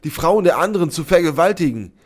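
A man voicing a brash, scornful young woman in a read-aloud story, raising his voice high for her. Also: big pitch swings, moderate pace. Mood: furious. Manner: mocking, then shouting in fury.

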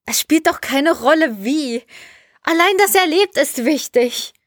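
A woman reading the part of a passionate, stubborn woman who speaks emphatically and high. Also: lively intonation, normal speed, no room sound, clean studio sound. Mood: urgent.

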